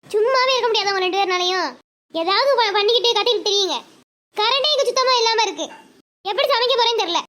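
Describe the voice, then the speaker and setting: A woman with a Madurai Tamil accent voices a harried village mother in a cartoon, in village slang. Her voice sits extremely high, and she scolds without pause. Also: sharp tone. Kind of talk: cartoon voice acting, many village characters.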